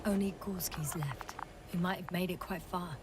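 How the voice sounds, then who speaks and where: A woman's voice: fairly low pitch, moderate pace, noisy background, close to an everyday voice. An actress voicing a composed female field doctor in a video game who gives clipped, matter-of-fact reports. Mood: focused. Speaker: scientist on a planet mission. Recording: game audio, distant mic, music under.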